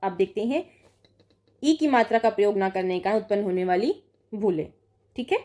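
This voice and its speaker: Warm-voiced woman tutoring Hindi spelling. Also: mid-range voice, a little fast. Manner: reads word pairs aloud, correcting each, with frequent "ठीक है" check-ins. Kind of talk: online exam-prep lesson.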